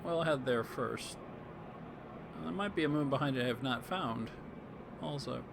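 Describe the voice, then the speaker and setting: A man commenting on his live gameplay in a low-key way, thinking aloud and greeting chat, with a voice that is going hoarse. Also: normal speed, background noise. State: losing his voice. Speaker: game streamer.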